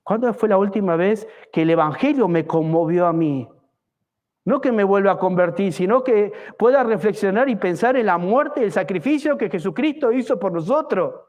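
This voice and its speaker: A pastor preaching a fervent evangelical sermon at a church service, asking the congregation many rhetorical questions. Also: male voice, sits high, expressive, normal speed, a little mellow.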